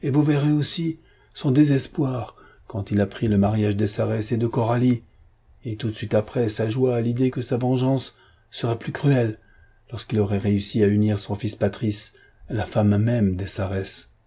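Steady, insistent old man read by a man; mellow, husky storybook voice. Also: lowish voice, normal speed.

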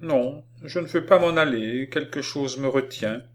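A man voicing a spirited, stubborn little girl in an audiobook, raising his voice high and defiant. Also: measured pace, fairly bright tone, natural voice. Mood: earnest childlike.

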